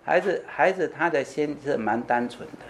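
A man's voice: fairly high pitch, moderate pace, slight background noise. Man preaching, repeating phrases and quizzing listeners. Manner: asks the congregation questions and answers them himself; tags lines with "you know?". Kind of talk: conversational sermon.

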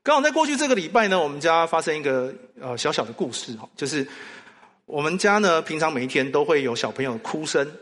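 A man's voice: fairly high pitch, fast. A man preaching a sermon, telling stories and asking the congregation questions. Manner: animated storytelling with rhetorical questions. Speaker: pastor. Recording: long hall reverb.

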